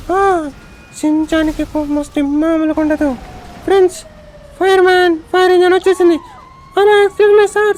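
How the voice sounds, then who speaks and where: A man voicing a cheeky, bossy little cartoon boy in a shrill, squeaky childlike voice, for a fan-dubbed game story. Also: a little hiss or hum. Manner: bossy, brash.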